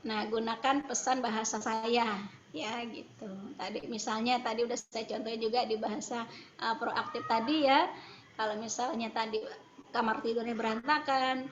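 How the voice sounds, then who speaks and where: A woman's voice: a little high, fairly even intonation, normal speed, slight background noise. A woman giving a chatty, informal parenting talk to parents over a video call, with lots of tag fillers and light laughs. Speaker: parenting speaker at a school parents' meeting. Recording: roomy, dull video-call audio.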